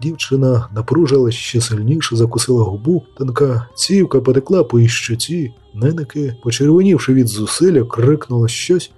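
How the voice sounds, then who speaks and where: A man narrating a fantasy audiobook in a steady storytelling manner, lightly voicing the characters. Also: medium pitch, slightly rough. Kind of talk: scripted narration.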